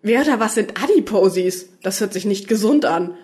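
A skittish young woman who snaps back with cheeky remarks, as a woman reads her. Her lively voice rises and falls freely in this storybook reading. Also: medium pitch, normal speed, close to an everyday voice. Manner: jumpy, sassy. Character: nervous, sharp-tongued young woman companion.

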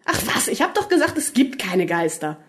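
A woman reading the lines of a quirky, excitable male alien time traveller in a storybook. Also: mid-range voice, brisk. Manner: excitable, rambling, lively.

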